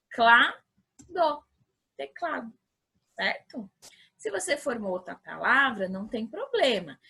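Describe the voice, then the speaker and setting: Lively, bright-voiced Brazilian woman teacher. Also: a little high, husky. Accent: Brazilian Portuguese. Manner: patient, encouraging, sounds out syllables slowly; checks in often with the children. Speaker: primary school teacher. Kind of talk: remote lesson for young children.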